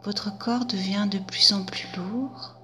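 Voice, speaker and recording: A woman guiding a hypnosis session, speaking softly in a drawn-out half-whisper. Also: mid-range voice, fairly even intonation, slight background noise.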